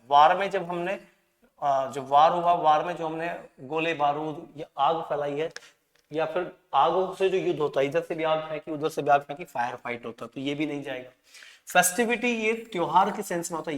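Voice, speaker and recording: A man with an Indian accent, teaching English for an exam, who asks his students questions and answers them himself. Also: on the high side. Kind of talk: explaining test questions. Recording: echoey room with long reverb.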